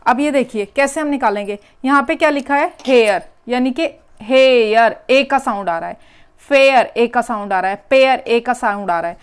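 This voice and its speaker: High-voiced woman teaching step by step. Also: moderate pace, clean tone. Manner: explains step by step, repeats key words. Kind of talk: exam paper walkthrough lesson.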